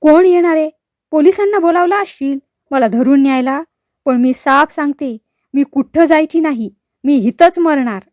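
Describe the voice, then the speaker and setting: A woman voicing a sharp-tongued old woman in a leprosy home, scolding and cursing in a storybook reading. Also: high voice, normal speed, dry recording, studio quality, lightly acted. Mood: angry cursing.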